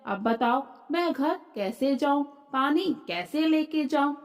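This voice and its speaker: A woman voicing a scheming, quick-tempered young village woman who scolds and shouts. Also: sits high, lively intonation. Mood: angry.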